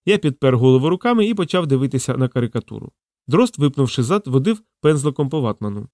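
A man reads an audiobook in an even, measured way. His voice is medium-pitched, and the studio-quality recording has no room sound.

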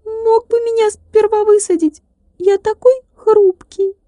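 A woman voicing a tiny, touchy male glass drummer in an audiobook, with a high ringing voice and huffy, clipped speech. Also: fairly even intonation, a little slow, dark tone, no room sound. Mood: indignant.

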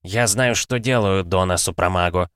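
A man voicing the stern male commander of a magic order, cold and quietly authoritative. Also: low voice, moderate pace, clean tone, dry recording, clean studio sound.

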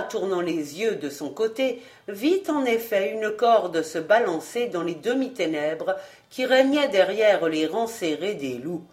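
Slow, measured woman audiobook narrator. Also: medium pitch, a little mellow. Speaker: audiobook reader. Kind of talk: scripted narration.

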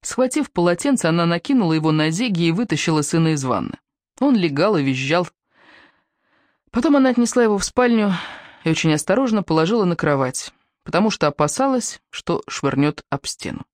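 A woman narrating an audiobook in an even, measured storytelling manner. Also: fairly low pitch, no room sound, clean studio sound. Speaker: audiobook reader. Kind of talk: scripted narration.

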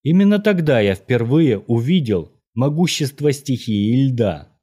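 A man voicing an old Norwegian mage, courteous and menacing, who speaks in a measured, formal, lecturing way. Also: medium pitch, very animated, dark tone, slightly rough, voice pushed up.

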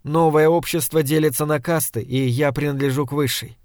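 A composed, high-ranking woman in an audiobook, read by a man in a fairly high voice of his own. She reasons in a calm, measured way, and the reading is close and dry. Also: no echo, natural voice. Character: composed woman of high rank, cool, then tender.

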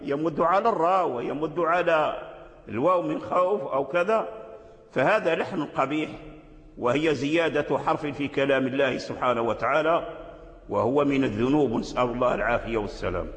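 A man teaching Quran recitation rules, explaining them slowly and deliberately and repeating key phrases. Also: on the high side, a bit bright. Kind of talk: tajweed lesson explaining a didactic poem. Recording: echoey hall with long reverb.

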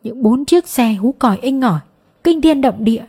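A woman's voice: expressive, moderate pace, dark tone, slightly rough. A woman doing a frantic tearful mother. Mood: rambling. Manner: sobbing, pleading, raised pitch. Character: distraught middle-aged mother, tearful, pleading for her son. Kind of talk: audiobook character voice.

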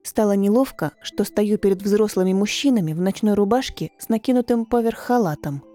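A woman's voice: brisk, mellow, soft background music. A woman reading a fantasy story aloud as narrator, dropping her voice for the male characters. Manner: voices several men in lowered tones. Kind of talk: scripted audiobook narration.

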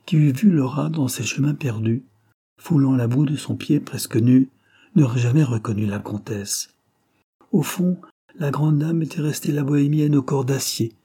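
A man narrating a classic novel as an audiobook in measured, dramatic storytelling. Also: mid-range voice, warm tone, husky.

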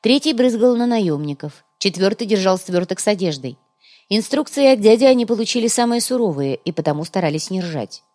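A woman narrating an audiobook with even, lightly ironic storytelling. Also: mid-range voice, fairly quick. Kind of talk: scripted narration.

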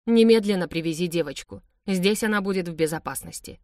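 A woman's voice: fairly low pitch, brisk, mellow, no room sound, studio quality, recorded from a distance, close to an everyday voice. A woman voicing a powerful man who speaks dryly, with sarcasm and curt commands. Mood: cold sarcastic.

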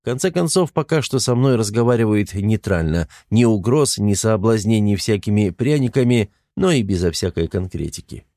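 Low, warm-voiced male audiobook narrator. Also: expressive, moderate pace, few pauses, no echo, studio quality. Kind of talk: first-person audiobook narration.

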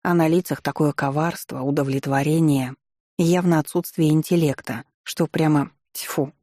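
A narrator reading a first-person fantasy story aloud in a wry, expressive manner with ironic asides. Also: medium pitch, moderate pace, no room sound, clean studio sound. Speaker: audiobook narrator.

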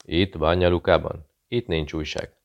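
A man's voice: sits low, steady tone, gravelly, lo-fi sound. A man reading a nervous, secretive Serbian barkeeper who speaks in clipped, broken phrases. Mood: weary.

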